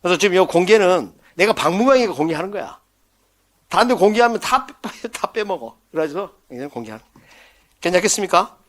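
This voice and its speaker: A man's voice: high voice, animated. A man teaching an exam-prep lecture, joking and acting out little scenes as memory tricks and quizzing his listeners as he goes. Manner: playful, jokes and mimics scenes for mnemonics; quizzes listeners with quick questions.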